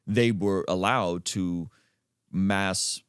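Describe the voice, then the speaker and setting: Deep-voiced emphatic male podcast host. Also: fairly even intonation, extremely slow, clear, resonant tone, no echo, clean studio sound. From Azerbaijan. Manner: emphatic, jumps up in pitch to stress points. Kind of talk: conversational podcast interview.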